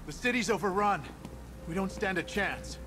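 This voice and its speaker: An actor playing a frightened, despairing police officer in a video game, sounding anxious. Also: male voice, sits high, expressive, normal speed. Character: frightened, despairing male officer just rescued. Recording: loud game music behind.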